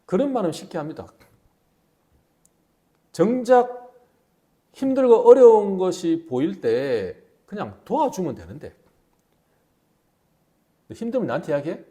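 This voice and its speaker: A man's voice: high voice, a little slow, pauses often. A male pastor delivering an expository sermon, storytelling animatedly and asking the congregation rhetorical questions. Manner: animated storytelling, acting out dialogue in quoted voices.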